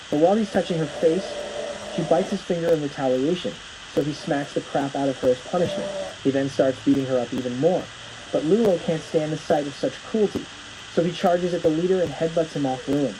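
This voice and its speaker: A man's voice: a little high, background noise. Man narrating a scripted story recap.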